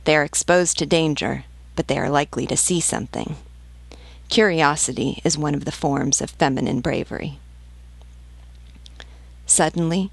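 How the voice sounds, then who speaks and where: Low, gravelly woman narrating a classic novel. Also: dry recording. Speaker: audiobook narrator. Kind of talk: scripted reading of a classic novel.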